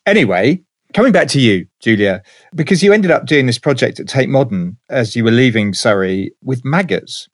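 A man's voice: medium pitch, lively intonation, normal speed, no room sound, clean studio sound. A man hosting an interview, curious and steering the guest with questions. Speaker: interview host. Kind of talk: conversational interview.

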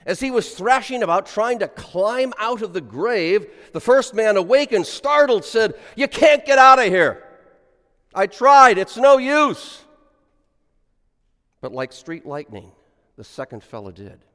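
A middle-aged man, a priest, reading the gospel and preaching a homily with a lively delivery that rises on quoted lines, heard in a large church with a long cathedral echo. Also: high-pitched, unhurried. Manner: lively sing-song delivery, rising on quotes.

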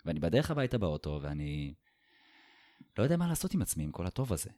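A man's voice: deep voice, big pitch swings, warm tone, no room sound, studio quality. A male podcast host telling a personal story in casual conversation, searching for words and repeating himself as he goes.

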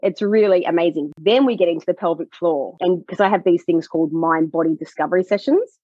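A woman pelvic health coach explaining her work in a podcast conversation, animated and acting out what clients say. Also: on the low side, brisk, breathy edge, dry recording, dull audio. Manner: animated, acts out clients' voices.

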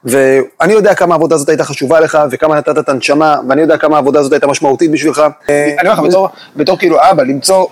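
Excitable high-voiced male podcast host. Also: few pauses. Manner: excitable, jokey, slangy. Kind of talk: casual podcast chat.

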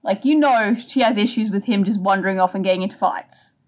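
A woman co-hosts a book podcast, retelling the plot steadily in a casual, conversational way. Her voice is medium pitch and fairly quick.

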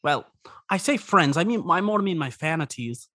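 A man's voice: on the high side, normal speed, dry recording, clean studio sound, pitched above the performer's own voice. Man putting on a theatrical, swooping giant crab. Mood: grand, coy. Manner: theatrical, coy, self-flattering. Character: huge vain lonely one-eyed crab warrior, campy and wistful.

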